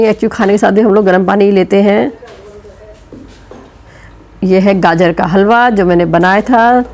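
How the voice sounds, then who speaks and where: A middle-aged woman with a sore throat and fever vlogs from home, chatting about her cooking as she works in the kitchen and explaining her chores along the way. Her mid-range voice is a little mellow, and the talk is casual home vlog narration.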